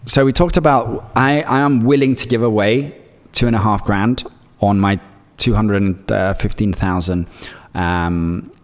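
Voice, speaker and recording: In a big-sounding room, a lowish-voiced man speaks at a measured pace with fairly even intonation while live-streaming his trades. Raised in Greece with Greek as his native tongue, he rambles, reads chat messages aloud, and fills his talk with fillers and restarts.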